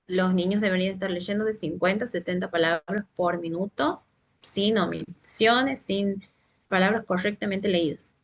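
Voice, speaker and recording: Hesitant woman explaining reading skills. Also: medium pitch. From Santiago del Estero, Argentina. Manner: explanatory, frequent hesitations and restarts. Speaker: literacy trainer for teachers. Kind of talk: teacher training presentation.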